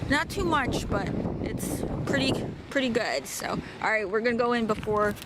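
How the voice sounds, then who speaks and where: Woman, slightly high voice, casual vlog chat, outdoors, wind on mic, clearly noisy. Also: animated, moderate pace. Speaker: vlogger. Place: outdoors in windy weather.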